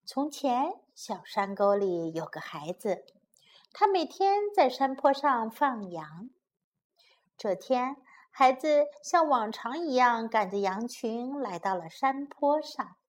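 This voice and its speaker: A woman teacher telling a children's story in a gentle, slow, clearly enunciated reading style, switching between two languages line by line. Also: on the high side, very animated.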